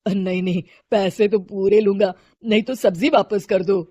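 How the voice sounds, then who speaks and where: Woman voicing a humble vegetable seller man, slow pleading, lowered voice, storybook. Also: fairly even intonation, warm tone, no room sound, natural voice. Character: poor male vegetable seller, meek.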